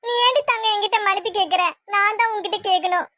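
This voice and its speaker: A woman's voice: very high voice, quick pace, bright, forceful tone, dry recording. A woman voicing a scheming, melodramatic village mother-in-law in a cartoon, with a southern Tamil village accent. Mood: sugary pleading. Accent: Tamil Nadu southern village. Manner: sweet-talking, melodramatic. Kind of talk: cartoon voice acting.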